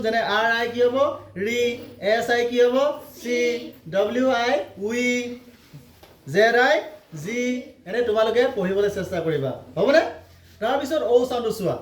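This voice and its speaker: A man teaching children phonics, spelling letters out slowly and sounding the words, then asking questions and answering them himself. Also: very high voice, a little hiss or hum. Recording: echoey room.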